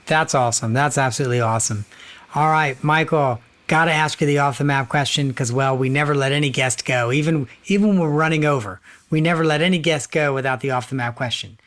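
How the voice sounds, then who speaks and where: A man's voice: mid-range voice, brisk, a bit bright. Upbeat male podcast host. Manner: upbeat, enthusiastic. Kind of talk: podcast interview hosting.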